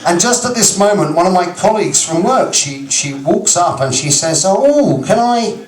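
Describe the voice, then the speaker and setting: An English man performs stand-up, his voice sitting a touch high and turning animated and mock-exasperated as the story unfolds. He is recorded from some distance in an echoey live club room. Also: moderate pace. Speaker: stand-up comedian. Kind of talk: stand-up routine. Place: comedy club stage.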